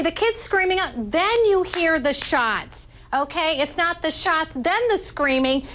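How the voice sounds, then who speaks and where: A woman's voice: high voice, a bit bright. A woman appearing as a body language expert on a news panel, explaining her analysis emphatically and asking rhetorical questions.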